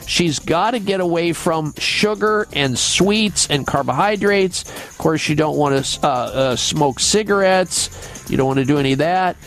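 A man hosting a radio health show, advising and explaining with pauses and repeated words. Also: a little high, fairly bright tone, faint music behind.

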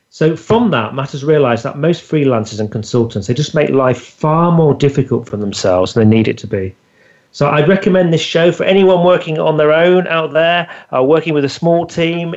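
Chatting casually as host of an interview podcast, this man speaks in a slightly mellow mid-range voice, often using fillers and restarting sentences. The recording sounds dull and lo-fi.

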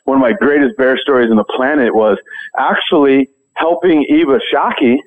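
A man's voice: mid-range voice, moderate pace. A man telling casual stories as a guest calling in to a radio interview, on a dull, band-limited line. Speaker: interview guest, hunting show presenter.

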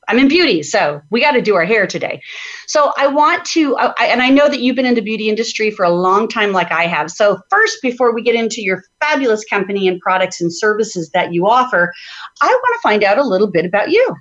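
A woman's voice: medium pitch, sing-song, a little fast, a bit bright. A woman hosting a podcast, chatting casually and restarting her sentences often. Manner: chatty, many restarts and fillers. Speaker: podcast host. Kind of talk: casual interview chat. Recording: dull lo-fi audio.

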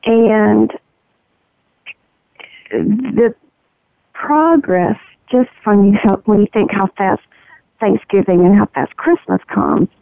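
A woman with a gravelly, froggy, medication-roughened voice gives a candid, reflective personal account as an interview guest, in halting phrases. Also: medium pitch, no echo. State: voice roughened by morphine. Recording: narrow, tinny phone-line sound.

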